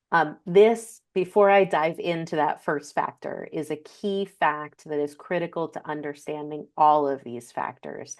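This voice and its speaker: A woman giving a slide presentation, explaining step by step with frequent ums and self-corrections. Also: low voice. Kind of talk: slide presentation on energy costs.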